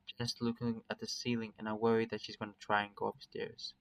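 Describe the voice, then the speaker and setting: A man's voice: on the low side, monotone, brisk, gravelly, fairly bright tone, poor audio. A man reading a first-person story aloud in a casual, plain way, with small slips and restarts.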